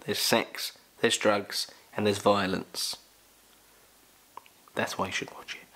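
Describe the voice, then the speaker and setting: A young man with a London accent, casually answering Q&A questions in a jokey, animated way. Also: lowish voice, slow pace, a little hiss or hum. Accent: London English. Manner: animated, jokey, exclaims loudly. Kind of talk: casual Q&A chat.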